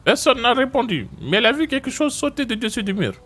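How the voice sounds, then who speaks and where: A man with a Marseille accent voicing an excitable, high-pitched male police chief for a game. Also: quick pace, faint music behind, full character voice. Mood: briefing. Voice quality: high and bright.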